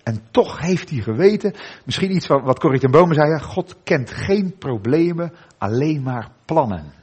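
A middle-aged man preaching a sermon in a church, earnest, with dramatic pauses and endings that drop soft. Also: fairly high pitch, lively intonation, breathy edge.

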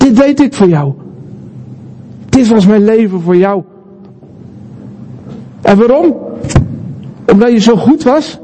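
Man, preacher, high voice, mellow tone, emphatic repetition, rhetorical questions. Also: husky. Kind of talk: sermon.

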